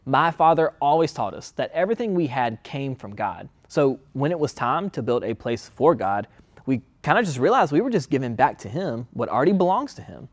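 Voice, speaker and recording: A man's voice: medium pitch, big pitch swings, brisk, natural voice. A man playing King Solomon as a laid-back, chatty guest on a talk-show skit. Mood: earnest. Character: King Solomon, adult male king, friendly and casual.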